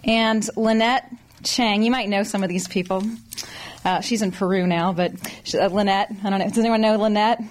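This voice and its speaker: A woman's voice: mid-range voice, normal speed. Chatty woman doctor addressing a meeting. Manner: conversational, animated, with restarts and asides to the audience. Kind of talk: public talk to a meeting.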